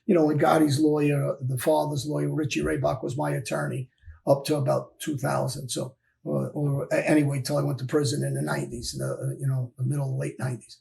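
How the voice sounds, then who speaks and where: Gravelly blunt-talking man. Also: fairly high pitch, level tone, brisk, darkish tone. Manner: blunt, emphatic, repeats phrases. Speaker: former mob enforcer guest. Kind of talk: candid storytelling interview.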